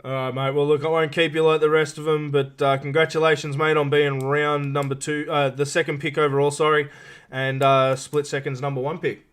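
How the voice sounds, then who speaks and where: A man with a clean, smooth voice on the higher side hosts a live interview show. He talks informally and matily, often pausing as he builds each question. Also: level tone, fairly bright tone. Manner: matey, informal, halting questions. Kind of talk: casual live interview hosting.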